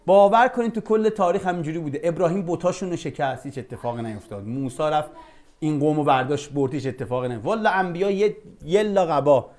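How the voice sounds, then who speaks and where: Man, fairly high voice, informal religious lesson, chatty teacher, slow verse recitation. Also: a little mellow. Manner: conversational, recites Arabic verses slowly. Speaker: Quran class teacher.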